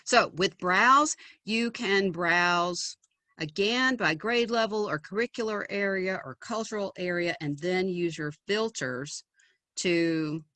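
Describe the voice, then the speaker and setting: A woman's voice: lowish voice, a bit bright, no room sound. A woman presenting an educational website in a webinar, upbeat and chatty, with frequent ums. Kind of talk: screen-share webinar demo.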